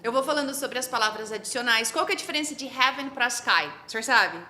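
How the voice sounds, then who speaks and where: A Brazilian woman who teaches English, explaining her method in a lively, teacherly way and quizzing the host. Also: fairly high pitch, quick pace. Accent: Brazilian Portuguese. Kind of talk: explanatory interview talk.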